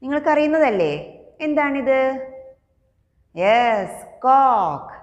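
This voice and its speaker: A woman with a Malayali accent teaching young children English, speaking slowly and repeating each new word. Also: sits high, lively intonation, big-room sound, highs cut off. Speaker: primary school English teacher. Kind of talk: slow classroom lesson for young children.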